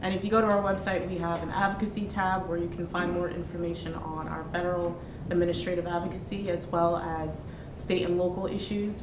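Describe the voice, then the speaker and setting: Woman panelist, lowish voice, steady informational talk, echoey room, noise. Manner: steady, listing resources. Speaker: panelist from an immigration advocacy group.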